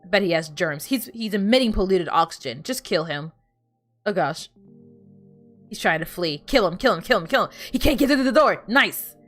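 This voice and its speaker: A woman streamer whose first language is Spanish chats casually with viewers while playing a video game, rambling and often restarting her sentences. Her medium-pitched voice is animated and fairly bright, moving at a moderate pace over soft background music.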